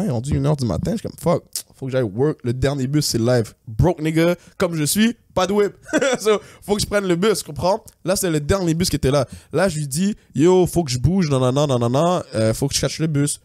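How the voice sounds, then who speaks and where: A young man tells a long story on a podcast. He speaks very fast in a fairly high voice and slips into English slang. He acts out the other people in the story, and the recording is dry and close. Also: a little mellow, no room sound. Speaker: podcast co-host. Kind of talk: casual storytelling.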